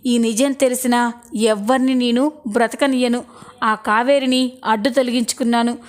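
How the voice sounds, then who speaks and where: A greedy, scheming husband turns villain in this storybook retelling, harsh and threatening when he drops his act, read by a woman in her own voice. The voice sits high and light throughout. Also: steady tone, moderate pace, natural voice. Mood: menacing.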